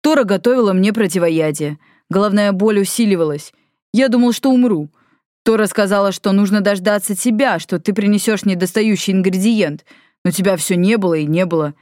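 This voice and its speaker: A woman's voice: medium pitch, fairly quick, darkish tone, dry recording, close to an everyday voice. A woman voicing Valifor, a red-haired male demon with a dry, teasing manner. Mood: wry.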